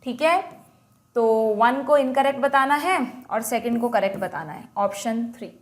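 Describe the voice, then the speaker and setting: High-voiced Indian woman teaching. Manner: brisk, explains and quizzes students. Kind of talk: exam paper walkthrough lesson.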